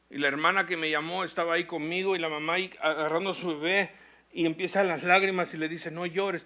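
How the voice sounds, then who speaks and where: Bright-voiced preaching pastor, man. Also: fairly high pitch. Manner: preaching with rising intensity and slow emphatic phrases. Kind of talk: sermon.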